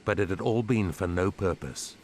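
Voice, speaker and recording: A man narrating a documentary in a grave, even, scripted way. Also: sits low, normal speed, slight background noise. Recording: narration over loud music.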